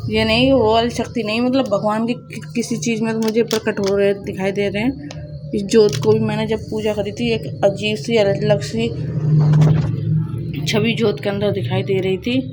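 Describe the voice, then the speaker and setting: A young woman with a hoarse, sore-throated voice chatting casually to her viewers at home, rambling with restarts. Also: medium pitch, heavy background noise. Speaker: vlogger. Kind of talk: casual vlog chat to viewers. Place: home, indoors.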